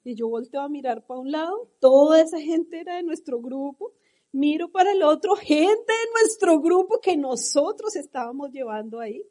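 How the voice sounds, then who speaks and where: A woman with a Colombian accent and a voice sitting high gives a passionate, animated motivational talk at a moderate pace. She's addressing a live audience at a business seminar.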